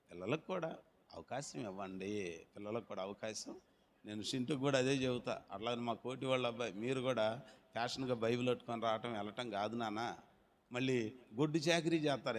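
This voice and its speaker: A man's voice: mid-range voice, fairly bright tone. A male pastor, preaching a sermon in a conversational, teasing way full of rhetorical questions. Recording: long hall reverb.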